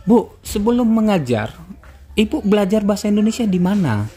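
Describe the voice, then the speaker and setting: A woman's voice: medium pitch, sing-song, brisk, mellow. A woman interviewing casually and commenting on what she sees, in an enthusiastic, exclamatory way.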